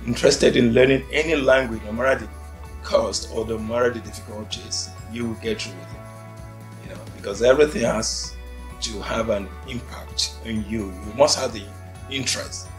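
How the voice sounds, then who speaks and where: Telling his life story in an interview, a Yoruba-speaking Nigerian man in his forties takes his time, with reflective pauses. He has a mid-range voice and a steady tone, and soft music lingers behind him.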